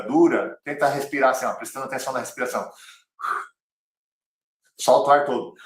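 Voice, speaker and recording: A man with a Brazilian Portuguese accent teaching an online cycling lesson, direct and repeating key phrases like a coach. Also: mid-range voice. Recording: roomy, slightly distant mic.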